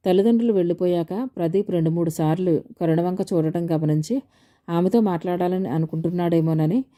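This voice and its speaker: Reading a novel aloud as an audiobook narrator, a woman with a lowish, warm voice tells the story steadily and at a brisk pace, lightly voicing the characters.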